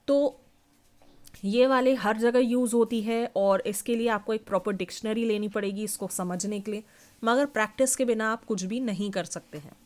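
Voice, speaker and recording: A woman with an Indian accent teaching an English phonology lesson, reading definitions slowly and explaining in a mix of Hindi and English. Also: mid-range voice. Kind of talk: online class lesson.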